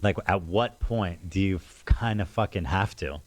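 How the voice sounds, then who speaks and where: A man in his forties with a slightly low voice rants like a podcast host. He is sarcastic and crude, and swears casually. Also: normal speed. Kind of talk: casual talk show rant.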